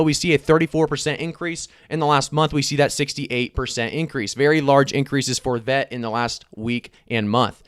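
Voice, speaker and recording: A man's voice: medium pitch, clean tone, no room sound, clean studio sound. A man hosting a casual live stream, chatting with many fillers while reading figures off the screen. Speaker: crypto live stream host.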